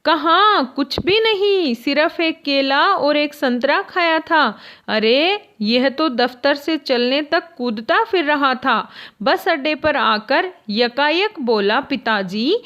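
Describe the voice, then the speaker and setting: A woman's voice: sits high, animated, slow, fairly bright tone, heavily acted. A woman reading as a fretting father. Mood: anxious. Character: worried middle-aged father, fretting over his son. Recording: dull lo-fi recording.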